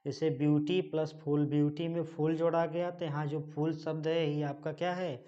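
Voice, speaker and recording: A man's voice: fairly high pitch, little pitch movement, warm tone. A man teaching a classroom lesson, spelling words letter by letter, repeating phrases and quizzing his students. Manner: slow, deliberate dictation. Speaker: English teacher. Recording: dull lo-fi recording.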